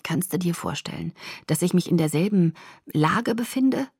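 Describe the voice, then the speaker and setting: A woman voicing a hoarse, hot-tempered young man in an audiobook, torn by a secret he cannot share, pleading in an urgent half-whisper. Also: fairly low pitch, lively intonation, moderate pace, a little mellow, no room sound, clean studio sound. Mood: earnest. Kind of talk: audiobook character voice.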